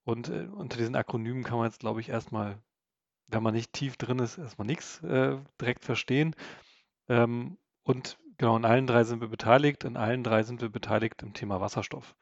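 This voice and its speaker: A man's voice: medium pitch, a little fast, creaky, no echo, muffled recording. A man, a guest researcher, explaining his projects in a podcast interview, with many hesitations and fillers.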